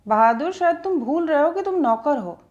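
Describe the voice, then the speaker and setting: A woman voicing an impatient, quick-tempered young woman student who scolds her driver. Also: sits high, lively intonation, darkish tone, muffled recording, voice pushed up. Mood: scolding. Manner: scolding, irritated.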